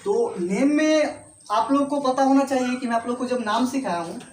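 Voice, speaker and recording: A man's voice: very high voice, normal speed, reverberant, a little hiss or hum. A man teaching English to a class with an Indian accent, repeating points and often checking that students follow. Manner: repetitive, checks understanding often.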